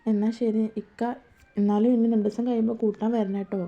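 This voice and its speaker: A woman voicing a gentle young wife who speaks softly and pleadingly, in a dull lo-fi recording. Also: mid-range voice, flat delivery, fast talker, natural voice. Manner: soft, pleading.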